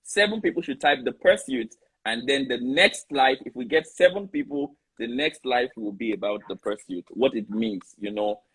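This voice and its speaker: A man hosting a casual live discussion, animated and often restarting his sentences. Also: medium pitch, normal speed, few pauses, breathy edge, poor audio. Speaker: host.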